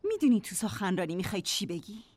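A woman's voice: mid-range voice, big pitch swings, a little mellow, no room sound. An actress voicing a cold, scolding mother in a dubbed drama. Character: cool, knowing mother at her husband's funeral.

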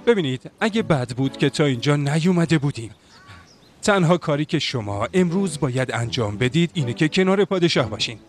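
A man dubbing a polite, deferential royal uncle who speaks formally. His voice is fairly high and very lively in pitch. Soft music plays behind him. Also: lightly acted. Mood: earnest. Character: polite worried uncle advising a young king. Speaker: royal advisor, the king's uncle. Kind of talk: film dubbing.

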